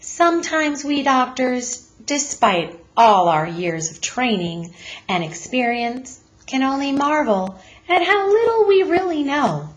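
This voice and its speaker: A woman voicing a kindly, experienced male doctor in a storybook, measured and reassuring. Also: high-pitched, very animated, pitched above the performer's own voice, heavily acted, poor audio.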